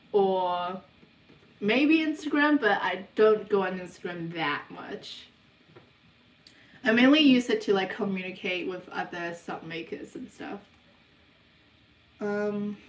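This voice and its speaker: A young woman chats slowly through a livestream Q&A, pausing on ums as she reads out questions. Her voice sits a little back from the mic in an echoey room. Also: medium pitch, far from the mic. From New Zealand. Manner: unhurried, hesitant, many ums, reads questions aloud before answering. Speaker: livestream host of a subliminal channel. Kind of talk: casual livestream Q&A reading chat questions. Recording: roomy sound, voice away from the mic.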